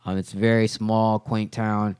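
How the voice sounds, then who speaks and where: A man co-hosting a podcast in casual chat, an animated storyteller who swears freely and laughs often. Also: fairly low pitch, moderate pace, smooth, no room sound, clean studio sound. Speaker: podcast co-host.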